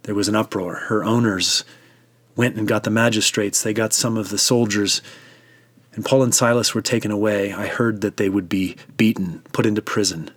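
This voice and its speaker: A man's voice: on the low side, fairly even intonation, normal speed, a bit bright, dry recording. A man voicing the young missionary Timothy, earnestly recounting events.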